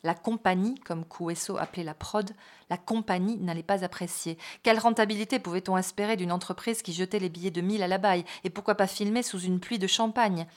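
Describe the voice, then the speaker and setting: A woman's voice: medium pitch, fairly even intonation, a little fast. A woman reading a literary novel aloud expressively, now and then adding brief spoken asides. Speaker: reader.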